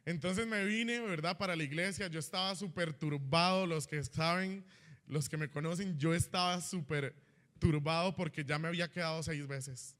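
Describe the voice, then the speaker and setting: A young man telling his personal testimony in church as an animated storyteller who keeps asking "¿verdad?". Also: on the high side, moderate pace. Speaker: church member giving a testimony. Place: church hall.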